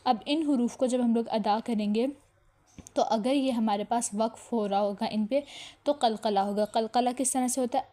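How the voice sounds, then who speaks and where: A woman teaching tajweed in a recorded online lesson, explaining step by step, checking in often, and sounding out single letters slowly for practice. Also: on the high side, mellow. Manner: explains step by step and checks in with "theek hai" between points.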